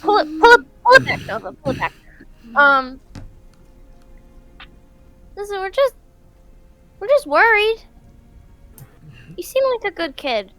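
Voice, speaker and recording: A very high, bright voice belongs to an earnest young adventurer who means well, as a woman puts her on. She speaks gently and haltingly. The pitch swings around a lot. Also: very animated, soft background music, heavily acted. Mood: concerned.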